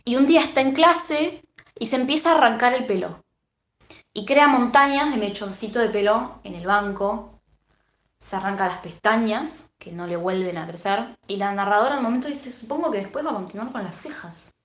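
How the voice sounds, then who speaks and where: Animated Argentine woman retelling a story. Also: a little high, moderate pace, reverberant. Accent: Argentine Rioplatense Spanish. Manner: animated, acts out the characters' lines. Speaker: podcast co-host.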